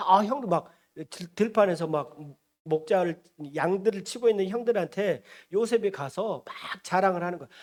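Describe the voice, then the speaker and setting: A man preaching as a pastor, retelling a scripture story in a lively way and acting out the characters as he goes. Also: sits high. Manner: animated, acts out the characters he describes. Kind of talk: storytelling sermon. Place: church.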